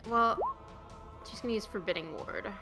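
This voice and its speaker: A woman's voice: medium pitch, normal speed, sharp tone, faint music behind. A woman player thinking aloud hesitantly as she decides her move in a tabletop game. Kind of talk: casual chat during a tabletop game.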